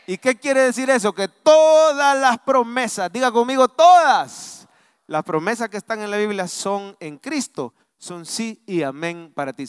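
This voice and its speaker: A man with a Salvadoran accent preaching a live sermon to his congregation, swinging from loud exhortation to soft, low asides. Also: clear, resonant tone, no echo, clean studio sound. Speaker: pastor. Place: church sanctuary.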